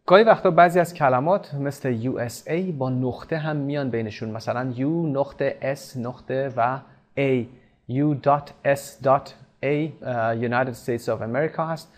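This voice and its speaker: A man teaching an English lesson in Persian. He reads the English example lines slowly and carefully, then explains them quickly, sometimes spelling words out letter by letter. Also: medium pitch.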